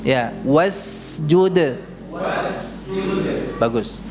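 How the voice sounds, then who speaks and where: A man teaching Quran recitation, drilling syllables slowly and correcting his students. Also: fairly high pitch, animated, a crowd in the background. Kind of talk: tajwid lesson in a mosque. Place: mosque prayer room.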